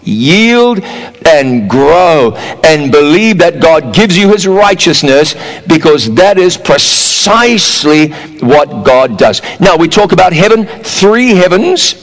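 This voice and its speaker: A man delivering a sermon in a voice pitched a little higher than most men. He preaches in an animated way, rising to loud urging and dropping into low, mocking asides. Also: takes it slowly, big-room sound, poor audio.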